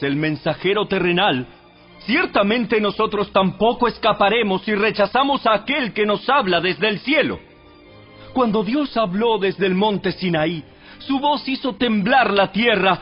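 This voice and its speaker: A man narrating a dramatized audio Bible from a script in a solemn, measured, exhorting manner. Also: high voice. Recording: dull radio-like sound with music behind. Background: music.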